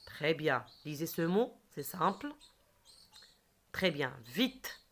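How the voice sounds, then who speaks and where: A woman teacher leading a reading lesson for children, speaking slowly and clearly and stretching out words. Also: deep voice. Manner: slow, clear, lively teacher voice, drawing out words.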